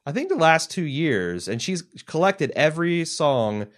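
A man's voice: fairly high pitch, very animated, a little slow. A man co-hosting a podcast, reading listener mail and retelling a TV scene in casual, conversational chat. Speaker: podcast co-host.

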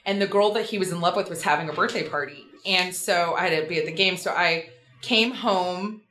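A woman, a guest telling stories in casual talk, animated and laughing as she acts out quotes. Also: lowish voice, fairly quick, reverberant, slight background noise. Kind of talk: casual storytelling.

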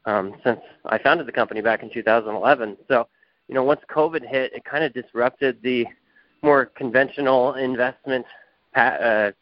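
A man's voice: mid-range voice, dry recording. A man, a company founder, heard over the phone in an interview, giving long explanatory answers with frequent fillers. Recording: muffled, dry phone line.

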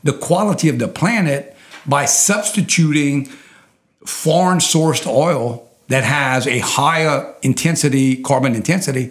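A man's voice: mid-range voice, measured pace, echoey room. A man with a thick Louisiana Cajun accent, making his case in a conversational interview, emphatic and repeating phrases for weight. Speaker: interview guest, oil industry advocate. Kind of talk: conversational interview, persuasive explaining.

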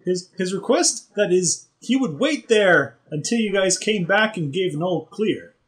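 A man's voice: high voice, lively intonation, measured pace. A man running a tabletop game as game master over a video call, hesitant with many ums and restarts.

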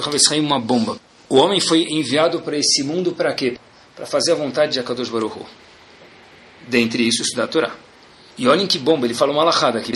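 A man's voice: a little high, pushed and bright. A man with a Brazilian Portuguese accent giving a religious lecture as a rabbi, emphatic and colloquial, asking rhetorical questions and repeating key phrases. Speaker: rabbi giving a Torah class. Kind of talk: religious lecture, sermon with storytelling.

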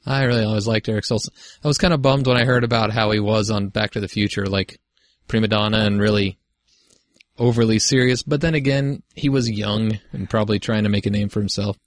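A man's voice: lowish voice, brisk, dry recording, clean studio sound. A man co-hosting a podcast, talking casually and swearing freely during a movie commentary. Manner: relaxed, chatty, swears freely. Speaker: podcast co-host.

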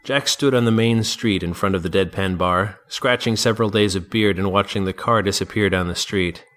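A man, the podcast's author, narrating his own story in a dry, deadpan manner. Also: deep voice, normal speed.

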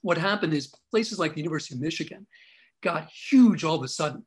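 Chatty academic man, higher voice. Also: expressive, quick pace, slightly rough, rough recording. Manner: discursive, many fillers and restarts. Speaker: author and historian guest. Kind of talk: interview answers.

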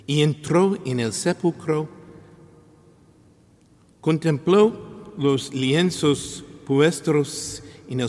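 A man reading scripture as a priest, in a solemn, measured and deliberate liturgical manner with pauses. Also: mid-range voice. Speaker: priest reading the Gospel at Mass. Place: large reverberant church. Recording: long church-like reverberation.

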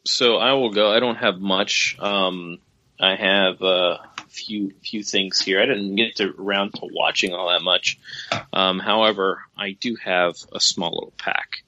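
Bright-voiced man rambling on a podcast. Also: deep voice, steady tone, measured pace, muffled recording. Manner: rambling, many fillers and restarts. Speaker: podcast co-host. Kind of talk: casual chat. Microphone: remote call.

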